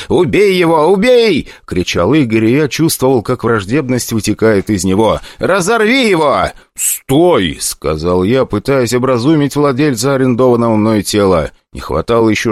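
A man giving an expressive, first-person narration of a fantasy audiobook. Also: fairly low pitch, no room sound, studio quality.

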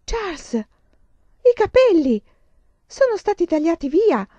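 A woman's voice: mid-range voice, animated, normal speed, mellow, no echo, highs cut off, lightly acted. A woman reading the part of a patient, practical pioneer mother in an audiobook, in her own voice. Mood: alarmed.

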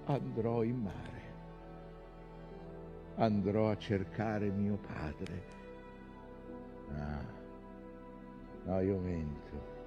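Slow, gravelly, haunted Captain Ahab. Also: male voice, sits low, dull audio, over music, full character voice. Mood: grieving, bitter. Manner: brooding, halting delivery swinging from murmurs to impassioned outcries. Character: old, weary, obsessed whaling captain haunted by his past. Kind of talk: theatrical dramatic monologue.

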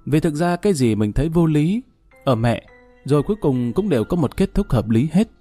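A man narrating a ghost story in a steady, measured reading. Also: fairly high pitch, soft background music.

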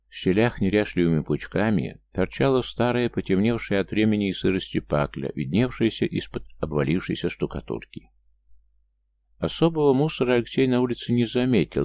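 Very deep gravelly male narrator. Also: mellow. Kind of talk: audiobook reading.

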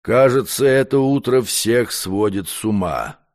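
A man reading an audiobook, voicing an arrogant male magician count who speaks calmly and curtly. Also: medium pitch, unhurried, close to an everyday voice. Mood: cool scornful. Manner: calm, curt, condescending. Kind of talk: audiobook character voice.

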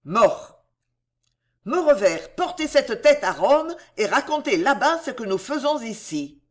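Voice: mid-range voice, big pitch swings, measured pace, voice pushed up. A French audiobook reader voicing a cold, ruthless aging queen who gives urgent orders. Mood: cold urgency. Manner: icy, urgent commands.

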